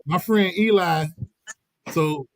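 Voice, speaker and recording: A middle-aged man telling a casual, animated story on a podcast, laughing as he goes. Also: high voice, slow pace, no echo. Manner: animated, laughing, slips into quoted voices. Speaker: podcast host.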